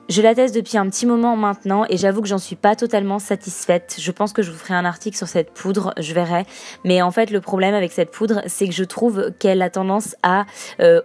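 A woman at a mid-range pitch talks through a makeup tutorial in a voice-over, explaining each step plainly. She often pauses on little fillers as she goes. Soft music plays faintly underneath. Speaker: beauty vlogger.

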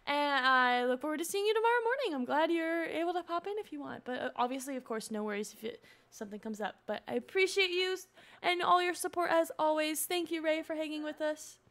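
A woman's voice: sits high, fairly quick. A young woman streaming a life-sim game from home, chatting casually with her viewers and reacting as she plays. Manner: chatty and excitable, reading chat aloud. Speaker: Twitch streamer. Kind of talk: casual gameplay streaming chat.

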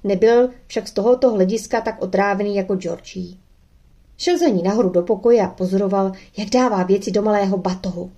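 A woman calmly narrating a children's adventure audiobook. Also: mid-range voice. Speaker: audiobook reader. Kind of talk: storybook narration.

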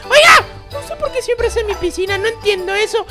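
A performer voicing Bebe Timo, an excitable, dramatic baby boy with squeaky, shrieking outbursts, in a Minecraft role-play. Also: brisk, music in the background. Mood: excited. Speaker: host.

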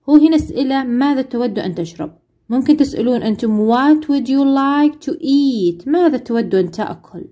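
Female teacher, mellow, higher voice, careful explainer. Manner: explains each word, reads English phrases slowly. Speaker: English teacher. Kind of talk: classroom explanation.

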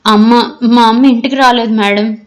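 A woman's voice: on the high side, steady tone, normal speed, natural voice. A woman voicing a frightened young female college student who talks through sobs in a fearful, pleading way.

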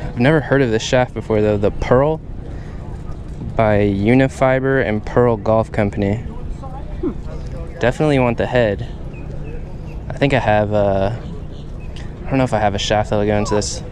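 A man's voice: lowish voice, expressive, a little slow, long pauses, crowd noise. A man vlogging casually about golf clubs while shopping at an outdoor flea market. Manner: upbeat, chatty, haggling with sellers. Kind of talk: casual vlog chat. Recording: outdoor noise behind.

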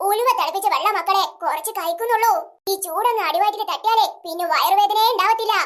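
A loving old grandmother fusses over sick and hungry grandchildren in a family skit. She speaks in a very high, quick, coaxing voice. Someone plays her. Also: fairly bright tone. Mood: soothing. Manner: coaxing and doting, with rural Kerala speech.

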